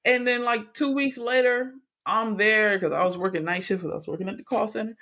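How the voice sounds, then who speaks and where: A man's voice: high-pitched, brisk. Profane storytelling man, laughing often. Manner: animated, profane, laughs through his stories. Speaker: podcast co-host. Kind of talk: casual chat, storytelling.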